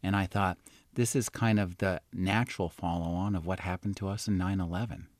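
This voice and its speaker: Male host, lowish voice, dry studio sound, thoughtful questions. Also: fairly even intonation, a little fast, no room sound. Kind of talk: interview talk.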